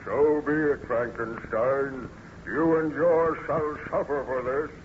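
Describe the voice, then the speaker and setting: Man acting Frankenstein's monster, slow and menacing, old radio. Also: mid-range voice, fairly even intonation, lightly acted. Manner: slow, solemn, declamatory delivery. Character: lonely, bitter, menacing male monster who learned to speak. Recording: muffled, noisy vintage radio recording.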